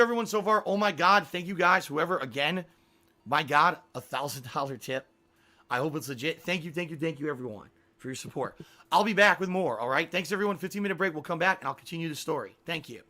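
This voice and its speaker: Hoarse, bright-voiced male livestreamer. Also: on the high side. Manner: profane, emphatic venting. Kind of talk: casual livestream monologue.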